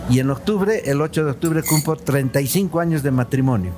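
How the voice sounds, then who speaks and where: A man in his sixties from Bolivia, a comedian and dental technician, chatting as a guest in a relaxed, storytelling way and calling the host brother. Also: on the high side, brisk, over music. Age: 60s. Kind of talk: casual interview chat. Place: studio set with a round table, at night.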